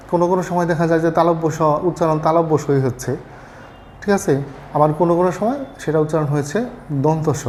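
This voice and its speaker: A man teaches a spoken lesson on Bangla pronunciation, explaining step by step in a patient way. He often asks "ঠিক আছে?" to check listeners follow, using fillers and self-corrections. His voice is fairly high and a little mellow, with a slight hiss or hum.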